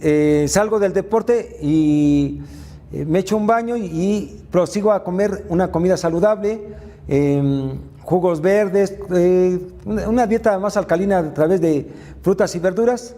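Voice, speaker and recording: A man's voice: sits high, a little slow, warm tone, long reverb tail. A man giving a motivational faith talk, retelling Bible stories with frequent filler sounds. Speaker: faith mentor and speaker.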